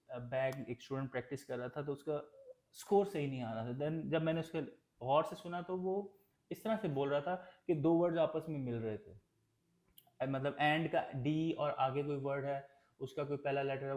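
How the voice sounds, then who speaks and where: उर्दू मिश्रित अंग्रेज़ी बोलता ट्रेनर, गूँजता कमरा. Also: male voice, mid-range voice, darkish tone, roomy sound. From Pakistan. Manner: explains plainly with many fillers and restarts, mixing English into Urdu. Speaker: English test trainer. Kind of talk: Urdu-English tutorial lesson.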